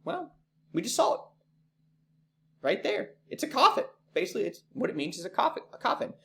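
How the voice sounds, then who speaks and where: A man teaching an online class, talking casually with many ums and quick apologies for slips. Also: high-pitched, wildly swooping pitch, gravelly, sharp tone, a little hiss or hum.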